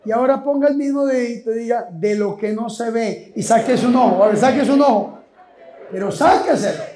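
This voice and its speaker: Priest, very high voice, emphatic sermon, roomy echo. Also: male voice, fairly quick, slight background noise. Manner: emphatic, repeats questions, shouts key words. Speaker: priest preaching. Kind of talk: lively sermon with call-and-response. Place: church or retreat hall with a congregation. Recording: echoey hall with crowd.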